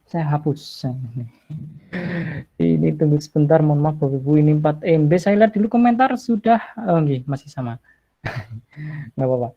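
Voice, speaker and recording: A man's voice: fairly high pitch, lively intonation, moderate pace, pauses often, dull audio. A man presents an online tutorial in a chatty, apologetic way, thinking aloud as he clicks through the screen. He speaks from home in the evening. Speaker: teacher-training presenter.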